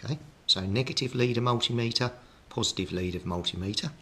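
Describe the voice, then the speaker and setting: This British man speaks fast at a medium pitch with a sharp tone, over slight background noise. As a hobbyist host, he talks through a hands-on electronics repair, explaining things practically one step at a time.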